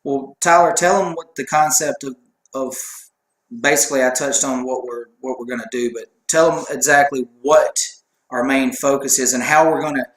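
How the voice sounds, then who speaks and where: A man's voice: medium pitch, normal speed. A man co-hosting a casual sports chat show, rambling and joking at his own expense. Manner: rambling, joking, self-deprecating. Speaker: co-host. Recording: echoey room.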